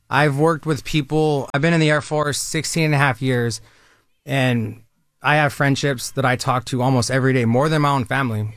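A military recruiter from Southern California, in his thirties, appears as a guest on a radio interview, upbeat, friendly and persuasive in a conversational way. His voice is middle-pitched and a bit bright, recorded close and dry with no room echo.

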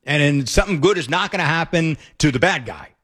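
A man hosting a talk radio show, delivering opinionated commentary in a sarcastic, mocking, excitable way into a studio mic. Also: fairly high pitch, fast talker, husky. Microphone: studio broadcast mic.

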